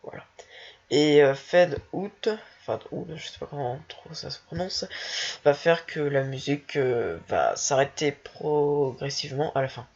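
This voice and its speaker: A speaker casually walking through a software tutorial while thinking aloud, hesitant and self-mocking. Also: mid-range voice, normal speed. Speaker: tutorial maker. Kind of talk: casual screen-recorded software walkthrough. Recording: dull lo-fi home recording.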